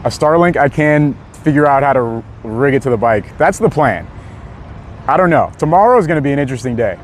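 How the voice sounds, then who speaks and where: A young man chatting casually on a live stream outdoors on a city street, laid-back and quick to laugh as he reads out chat messages. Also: medium pitch, lively intonation. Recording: faint street noise outdoors.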